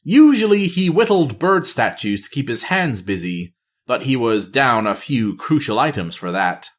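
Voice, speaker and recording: A man narrating a novel aloud in a middle-range voice. His delivery is expressive, with pitch that rises and falls freely from phrase to phrase. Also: normal speed. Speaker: storyteller.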